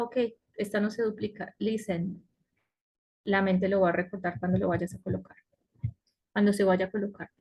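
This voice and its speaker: Woman, English teacher, online class, patient step-by-step explanations. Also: mid-range voice. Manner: explains step by step, often checks with "¿cierto?" and "¿no?". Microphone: computer mic on a web conference.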